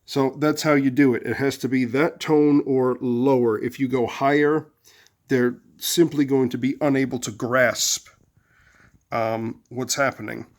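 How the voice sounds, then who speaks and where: A man talks through casual relationship advice in a mid-pitched voice, rambling with fillers and restarts. When he acts out angry lines, his voice jumps loud and high. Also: steady tone, unhurried. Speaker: host of a relationship advice video series. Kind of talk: casual advice monologue with storytelling.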